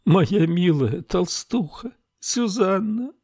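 A man voicing a distraught young woman in an audiobook, in a high, tearful and pleading voice. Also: expressive, unhurried, fairly bright tone, no room sound, clean studio sound. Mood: grieving.

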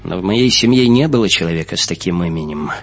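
A man voicing an earnest young woman, a former captive, telling her story with animated storytelling, in a muffled, lo-fi audiobook recording. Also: low voice, fast, creaky, breathy edge, exaggerated voice.

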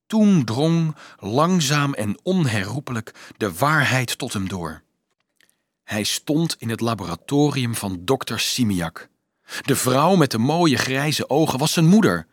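Male narrator for a dramatic audiobook; animated reading, a touch husky. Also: medium pitch, measured pace, dry recording, clean studio sound. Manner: dramatic, expressive reading that acts out the shouts. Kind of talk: scripted narration.

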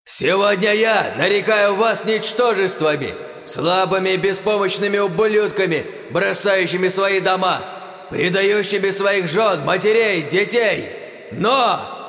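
Audiobook hero's amplified battle speech put on by a male narrator: high, slow and shouted, with big cave echo. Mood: booming. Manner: slow, drawn-out, shouted proclamation. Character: grim male hero booming a magically amplified war speech. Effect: heavy cave-like echo and long reverb. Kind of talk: audiobook character reading. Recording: heavy cavernous echo with long reverb.

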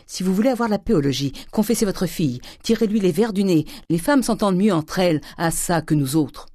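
A woman reading aloud voicing a tyrannical, miserly old father who scolds and blusters in a raised, loud voice. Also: fairly low pitch, expressive, fairly quick, no room sound, studio quality, pitched above the performer's own voice. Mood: blustering.

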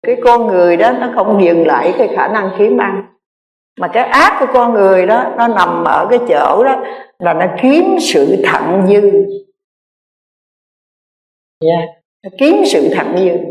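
A Buddhist nun giving an earnest dharma talk, repeating key phrases and addressing her listeners directly. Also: medium pitch. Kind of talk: sermon. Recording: echoey reverberant hall.

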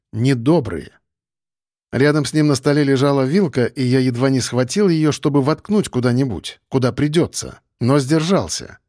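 A man narrating a first-person audiobook in an ironic, lively manner, close to the mic. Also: medium pitch, dry recording.

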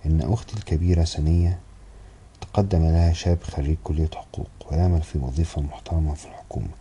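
A man reading the lines of a young female student in an audiobook, soft and measured with a sighing manner. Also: rumbling low, fairly even intonation, slight background noise. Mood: resigned. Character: young woman student, quietly resigned.

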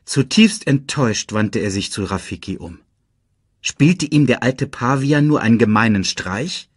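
A man reading a children's storybook aloud in an expressive, dramatic way. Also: mid-range voice, unhurried, husky, no room sound, clean studio sound. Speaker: audiobook narrator.

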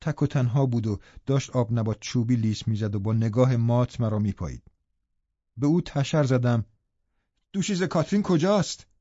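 A man reading a classic novel aloud as an audiobook narrator, slow and measured. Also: medium pitch, warm tone, no room sound. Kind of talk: scripted narration. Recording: dry, slightly dull home recording.

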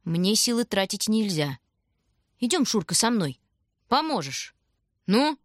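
A woman voicing a grim young girl who speaks quietly, firmly and curtly. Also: medium pitch, big pitch swings, a little slow, no room sound, studio quality. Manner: quiet, firm, curt.

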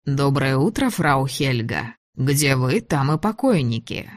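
A woman voicing a cold, mocking German officer who gives orders and jokes with ironic calm, in a storybook reading. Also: rumbling low, measured pace, no room sound, studio quality, full character voice. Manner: smooth, ironic, commanding.

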